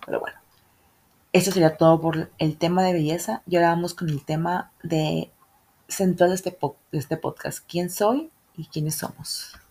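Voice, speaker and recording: Woman, northern Mexican accent, young adult, solo podcast host, casual slangy chat, gravelly fry. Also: fairly low pitch, fairly even intonation, moderate pace, warm tone. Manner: chatty, slangy, swears freely.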